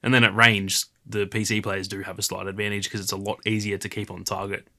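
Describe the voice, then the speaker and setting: A man's voice: lowish voice, a little fast. A man co-hosting a gaming podcast, chatting casually in a rambling way full of fillers. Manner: rambling, filler-heavy, animated retelling. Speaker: podcast co-host. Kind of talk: casual chat.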